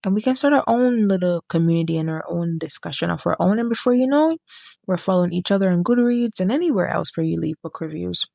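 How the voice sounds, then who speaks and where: A woman with a low, gravelly voice talks casually to camera about books. She rambles and drifts off topic, often stopping to correct herself. The sound is dry and close, with no room around it. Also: lively intonation, fast talker, dark tone, no echo. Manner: rambling, sidetracked, self-correcting. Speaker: book reviewer.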